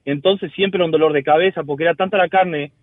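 A man's voice: a little high, steady tone, fast talker, no echo. A man from Uruguay, calling in to a radio show and telling a rambling story with frequent restarts. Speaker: caller. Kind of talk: casual call-in storytelling. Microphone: telephone. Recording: tinny phone line.

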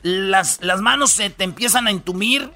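A man with a Mexican accent hosts a radio comedy show, telling news stories through casual, slangy banter full of fillers. His voice is high and sharp, moving at a normal speed.

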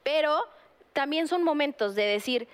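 A woman with a fairly high voice chats casually in a group. She tells her stories by quoting other people. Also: animated, normal speed. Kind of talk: casual chat.

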